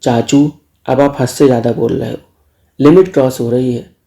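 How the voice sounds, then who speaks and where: A man's voice: mid-range voice, fairly even intonation, normal speed, mellow, close to an everyday voice. Man doing a cheeky young nephew. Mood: defensive. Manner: cheeky, defiant.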